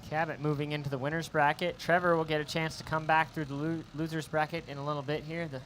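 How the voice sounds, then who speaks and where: A man giving live play-by-play commentary at a drift event, excitable and jokey. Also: fairly high pitch, fast talker, a little hiss or hum.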